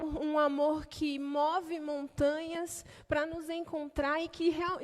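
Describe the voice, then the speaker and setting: A woman's voice: sits high, big-room sound. A young woman with a Brazilian Portuguese accent preaching a sermon in a chatty, conversational way, often adding tag questions. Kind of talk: sermon with opening prayer.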